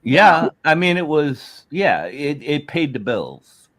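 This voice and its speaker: A man's voice: on the high side, sing-song, slow, a bit bright. A man in his sixties hosting a podcast, chatting casually in a crude, jokey way and laughing often. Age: 60s. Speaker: podcast host. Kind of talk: casual chat.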